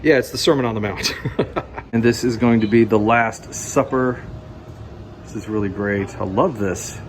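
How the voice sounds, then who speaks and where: A man's voice: on the low side, unhurried, slight background noise. Chatty man touring a wax museum. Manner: chatty, quizzes viewers with questions; hesitant, frequent fillers and restarts. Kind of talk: casual walk-through commentary.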